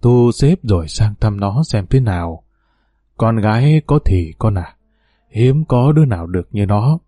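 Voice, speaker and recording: Elderly father figure, calm and fatherly , read by a man in his warm, dry voice. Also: lowish voice, a little slow, no echo, faint music behind. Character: elderly village father, wise.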